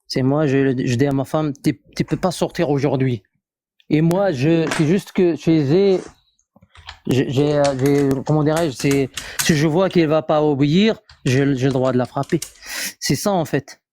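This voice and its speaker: A man's voice: fairly high pitch, measured pace, warm tone, a little hiss or hum. A man from Morocco speaking French with a foreign, Moroccan accent in a casual live debate, often searching for words and repeating himself. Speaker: live discussion participant.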